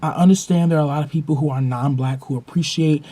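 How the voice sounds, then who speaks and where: A young man hosts his own vlog, talking casually to the camera and telling stories emphatically, acting out the quotes. His voice is a little high and mellow, fast-paced with fairly even intonation.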